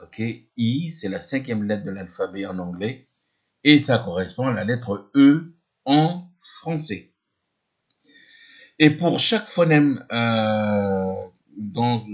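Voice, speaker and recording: A man teaching a lesson, explaining patiently, often hesitating and repeating himself, spelling words letter by letter. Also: lowish voice. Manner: often hesitates with drawn-out fillers. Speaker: English teacher.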